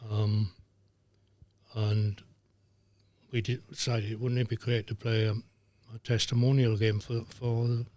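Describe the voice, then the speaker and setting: An older man, a former referee telling lively anecdotes as a guest, dropping into voices for the people he quotes. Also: fairly low pitch, slow pace, no room sound. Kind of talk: anecdotal storytelling.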